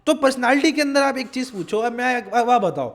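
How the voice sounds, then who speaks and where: A young man with an Indian accent teaching a psychology class online, energetic and fast-talking, often quizzing his students. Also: very high voice. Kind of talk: online class lecture in Hinglish.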